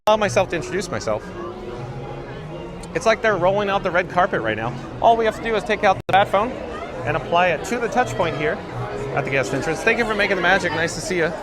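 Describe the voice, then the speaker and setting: A man's voice: high voice, lively intonation, fast talker. A man hosting a casual live vlog outdoors at a theme park, with chirpy, playful, folksy patter. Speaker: livestream vlog host. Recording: busy outdoor crowd with background music.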